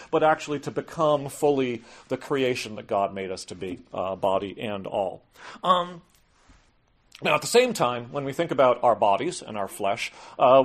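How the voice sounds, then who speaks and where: A man preaching a topical sermon in a conversational way, often asking "right?" and filling pauses with "uh". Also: mid-range voice. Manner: conversational, frequent "right?" and "uh" fillers. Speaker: pastor.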